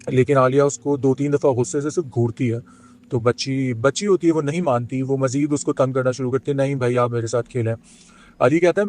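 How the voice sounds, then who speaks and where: A man's voice: medium pitch, a little mellow, dry recording. Man telling a horror story. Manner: retells a friend's account with many pauses and fillers. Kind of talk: casual spoken horror storytelling.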